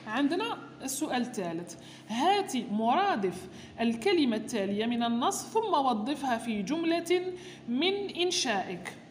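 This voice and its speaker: A woman with an Algerian Arabic accent and a high, sing-song voice, carrying a little hiss or hum, is a teacher patiently going over a primary school homework sheet with parents. She reads each item aloud and then explains it slowly, in an echoey room with long reverb.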